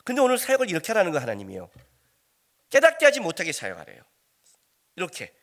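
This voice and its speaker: A man's voice: high voice, huge pitch swings, quick pace, fairly bright tone. A middle-aged man preaching a sermon as pastor, talking conversationally and firing rhetorical questions at the congregation.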